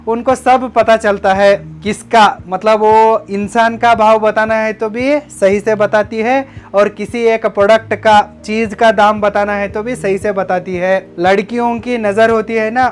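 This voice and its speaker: A man's voice: high voice, clean tone. A man narrating a business lesson, giving step-by-step tips in an instructive way and addressing viewers as friends. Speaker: business educator. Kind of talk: scripted narration.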